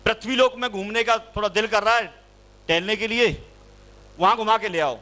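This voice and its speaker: A man's voice: sits high, normal speed, bright, forceful tone. A man voicing a determined divine wife who insists on visiting the mortal world, told within a spoken story. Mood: insistent.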